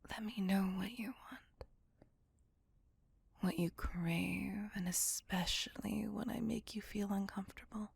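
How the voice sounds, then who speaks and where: A woman voicing a courteous, possessive female vampire on a date, speaking in a soft, formal and reassuring whisper. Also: mid-range voice, steady tone, gravelly, husky, no echo, heavily acted. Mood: tender whisper. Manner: formal, slow, intimate and reassuring. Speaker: voice actor. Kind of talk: ASMR roleplay.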